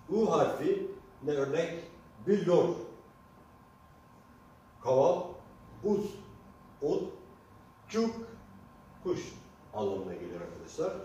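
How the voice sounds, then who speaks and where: In this alphabet lesson for Turkish speakers, a male Kurdish language teacher spells out letters at a slow, deliberate pace, repeats example words, and frequently speaks to his audience. His voice is mellow and on the high side, captured by a distant mic in a very echoey space with faint background noise.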